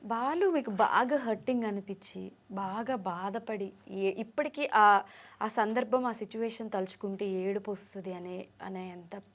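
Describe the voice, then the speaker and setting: A woman's voice: mid-range voice, unhurried. A woman interviewing a guest, asking probing personal questions and mixing in English words. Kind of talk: interview questions with frequent hums of agreement.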